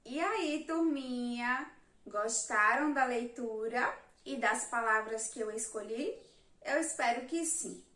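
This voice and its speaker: Brazilian woman, primary teacher; slow, high and bright; distant mic, roomy echo. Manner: slow, patient, counts letters and syllables aloud. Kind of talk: remote lesson for young children. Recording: echoey room, mic at a distance.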